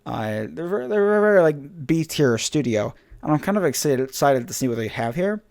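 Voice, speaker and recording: The young male podcast host speaks at normal speed in a sing-song voice on the high side, with vocal fry and a darkish tone. Losing his voice, he chats casually and rambles, laughing often and filling gaps with fillers.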